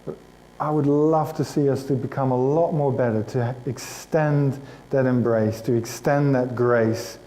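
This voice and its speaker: A man's voice: medium pitch, fairly even intonation, measured pace, mellow, rough recording. A man preaching to his congregation, telling a personal story in a chatty, self-mocking way and addressing listeners by name. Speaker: pastor. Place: church hall.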